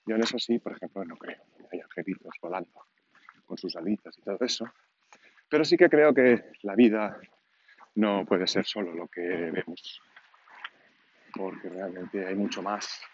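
His voice sits low, keeping a moderate pace broken by long pauses. This Catalan-accented Spanish comes from a 49-year-old Catalan man, a native speaker of Catalan and Spanish, who rambles and thinks aloud while hosting a solo podcast in an unscripted, informal way. Background noise is clearly audible in the dull, lo-fi home recording.

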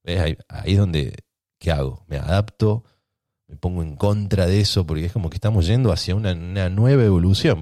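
Low-voiced Rioplatense podcast host musing. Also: male voice, mellow, no room sound, clean studio sound. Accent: Rioplatense Spanish. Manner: provocative, rambling, thinking aloud. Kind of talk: casual solo podcast monologue.

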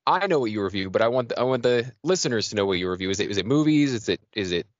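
A man's voice: lowish voice, expressive, racing, no echo, lo-fi sound. A man hosting a podcast in casual chat, rambling and joking at his own expense. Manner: rambling, joking, self-deprecating. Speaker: podcast host.

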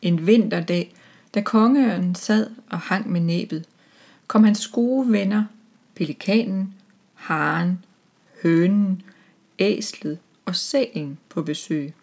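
A woman reads a children's story aloud in a calm, even storybook tone. Her voice sits a little low for a woman. The reading is unhurried and steady.

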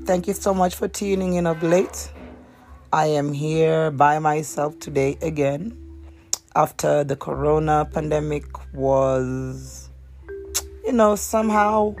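A woman's voice: deep voice, darkish tone. Woman, young adult, podcast host, profane, exasperated, rhetorical questions, faint background music. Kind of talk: solo podcast rant.

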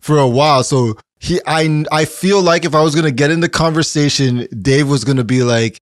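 A man's voice: on the high side, moderate pace, dry recording. Chill podcast guy telling a story, swears some, dry close sound. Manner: laid-back storyteller, laughs easily, swears. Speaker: podcast co-host. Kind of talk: casual chat.

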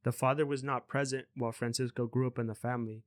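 A man's voice: mid-range voice, level tone, fast, no room sound, clean studio sound. A young man hosting a casual podcast, talking loosely and rambling through his notes. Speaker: podcast host.

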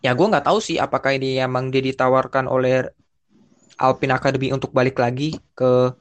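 A man's voice: medium pitch, fairly even intonation, a little fast, clear, resonant tone. A young man chatting casually as a podcast co-host, in informal slang with many restarts and bits of English. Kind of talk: casual chat.

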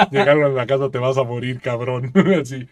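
A man's voice: medium pitch, lively intonation, unhurried. A young Mexican man co-hosting a casual podcast, joking, swearing freely and laughing often. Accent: Mexican Spanish. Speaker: podcast co-host.

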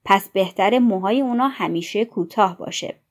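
A stern, pompous middle-aged school patron, read by a woman holds forth in a loud, lecturing tone, scolding with self-righteous certainty. The voice sits at a middling pitch, close to the reader's own. It is a storybook reading. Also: natural voice.

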